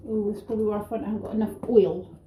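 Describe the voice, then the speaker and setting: Here the young British vlogger talks fast in a mid-range voice with fairly even intonation, background noise audible. A childminder filming at home, she chats and rambles to camera, full of ums, using sing-song praise with children while sounding throaty and congested from a sore throat.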